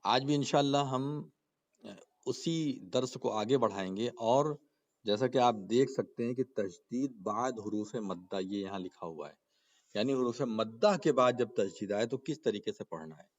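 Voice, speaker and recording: Male tajweed teacher, mid-pitched voice, patient and repetitive, asks questions as he explains. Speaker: Quran recitation and tajweed teacher. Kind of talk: spoken lesson with slow chanted recitation examples.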